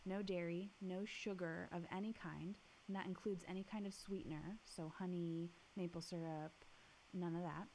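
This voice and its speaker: A young adult woman co-hosting a podcast in casual chat, upbeat and quick to laugh. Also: lowish voice, steady tone, a little mellow, poor audio. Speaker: podcast co-host. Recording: faint hiss.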